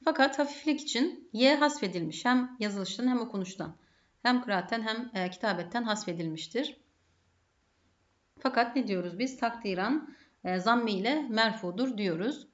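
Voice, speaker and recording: A Turkish-accented woman talks through a grammar lesson in a methodical way, often putting a question and answering it herself. Her voice sits at an ordinary pitch, and the recording is dull and lo-fi. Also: normal speed. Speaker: Arabic grammar teacher.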